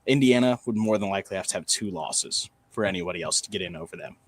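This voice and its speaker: A man's voice: low voice, fast talker. A man co-hosting a casual college football talk show, steadily laying out playoff scenarios point by point. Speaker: sports podcast co-host.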